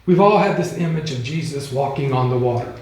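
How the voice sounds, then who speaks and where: A man teaching a Bible class in a casual, chatty way, with frequent ums and quick acted-out quotes. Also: mid-range voice, expressive, darkish tone. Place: church classroom. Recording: echoey room.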